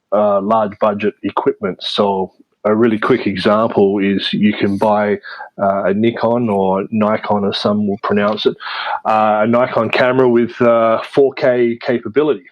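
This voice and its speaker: A man answering interview questions in a measured way, with many fillers and restarts. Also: fairly low pitch, level tone, no echo, highs cut off. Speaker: interview guest, media producer. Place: based in Vietnam.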